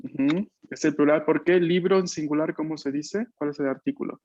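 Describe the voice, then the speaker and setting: A man's voice: on the high side, darkish tone, dry recording, muffled recording. A man teaching an online language lesson, patiently repeating answers and checking in constantly with short tag questions. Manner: repeats students' answers and explains slowly. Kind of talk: online Italian lesson taught in Spanish. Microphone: video call microphone.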